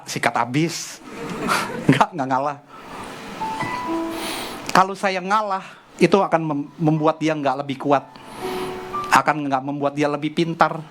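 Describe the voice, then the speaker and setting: Chatty preacher man over music. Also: fairly high pitch. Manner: chatty, animated anecdote telling with acted quotes. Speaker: pastor. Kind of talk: sermon with personal storytelling. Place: church service. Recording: music playing underneath. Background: background music.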